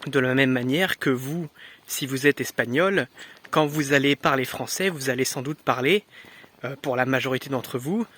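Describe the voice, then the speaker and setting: A young man from France explaining a language topic in a relaxed, unscripted way, pausing often with hesitations. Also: medium pitch. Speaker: French teacher. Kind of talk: casual explanatory lesson.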